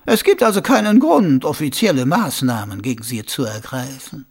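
A man voicing a scheming, sly male city ruler who muses slowly and smoothly in an audiobook. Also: medium pitch, big pitch swings.

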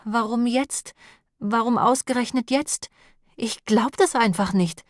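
A woman's voice: a little high, measured pace, no echo, clean studio sound, pitched above the performer's own voice, natural voice. A woman reading a defiant cornered woman. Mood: desperate. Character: tense, defiant young woman held at gunpoint.

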